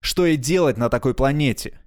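A man's voice: medium pitch, expressive, a little fast, lightly acted. A male narrator voicing a cynical, unflappable space crewman who speaks curtly and gives orders. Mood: curt, dismissive. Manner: curt, commanding.

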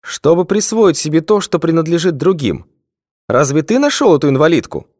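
Guy doing a pompous official, fake-sweet and lecturing, voice pushed up high, dry sound. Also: big pitch swings, moderate pace, darkish tone, no room sound. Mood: mock sympathy. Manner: mockingly sympathetic, solemn, lecturing. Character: pompous badge-wearing male district official.

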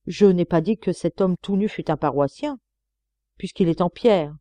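A woman reading an audiobook and voicing a spiteful, intolerant nun who speaks in a shrill, scandalized, hissing way. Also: normal speed, warm tone, no room sound, close to an everyday voice. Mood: indignant.

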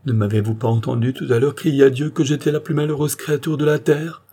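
A man's voice: medium pitch, little pitch movement, fast, warm tone, husky, voice pushed up. A man voicing an anguished young noblewoman torn by forbidden love, in an audiobook reading, pleading and exclamatory.

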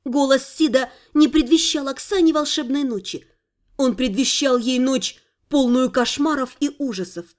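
High-voiced woman narrating an audiobook. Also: a little mellow. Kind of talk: scripted narration.

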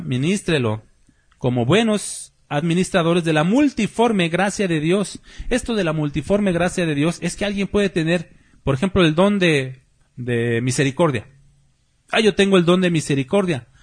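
A man preaching a sermon as pastor, talking conversationally and asking the congregation rhetorical questions. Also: fairly high pitch.

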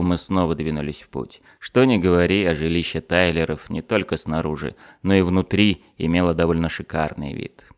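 Low-voiced male audiobook narrator. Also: clean tone. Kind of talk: first-person audiobook narration.

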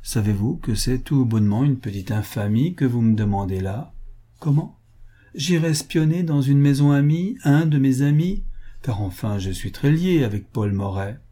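A man's voice: mid-range voice, animated, normal speed, mellow, natural voice. A man reading an audiobook, voicing an ironic, half-mocking aristocratic man of society. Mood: indignant.

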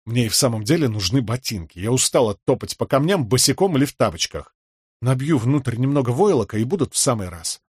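A man's voice: mid-range voice, very animated, fairly quick, slightly rough, no room sound, studio quality. A man reading an audiobook, voicing an earnest young woman who has just learned to con people. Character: young woman, a kind-hearted novice con artist.

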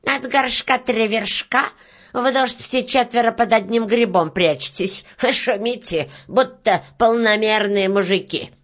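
A woman voicing a stingy, spiteful old female ground beetle with a shrill, squeaky voice, for a storybook reading. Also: a little slow, lightly acted. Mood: scolding. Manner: scolding, snappish. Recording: dull lo-fi recording.

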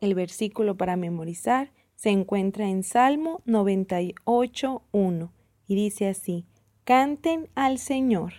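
A woman reading a Bible story aloud for children, slow and expressive in a storybook manner. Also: medium pitch, dry recording, faint music behind.

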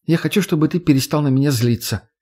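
A man's voice: fairly high pitch, quick pace, mellow, pitched above the performer's own voice, natural voice. A man voicing a sly, teasing young redheaded woman who swears and mocks in an audiobook. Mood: mocking.

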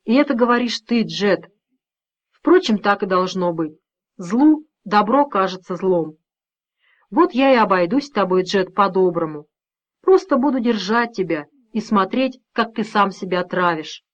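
A woman doing a calm, steely father. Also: medium pitch, unhurried, highs cut off. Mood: calm, firm. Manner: calm, steady, quietly menacing. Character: calm, firm middle-aged father confronting evil.

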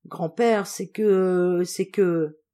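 A woman's voice: fairly low pitch, fairly even intonation, drawn-out words, dark tone. A woman reading an audiobook, voicing a shy, tender girl of seventeen who falters as she talks. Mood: timid. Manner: hesitant, faltering.

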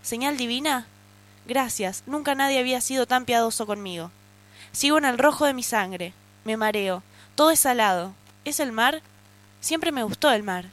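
A woman's voice: a little high, moderate pace. A woman with a Rioplatense Spanish accent, reading her own short story aloud intensely and emotionally.

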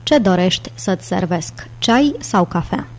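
A theatrical older gentleman who loves a dramatic flourish, speaking in a somewhat low voice with a grand, playful air, as a woman reads him in an audiobook. his manner is jovial. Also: animated. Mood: teasing. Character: theatrical, jovial older British male aristocrat.

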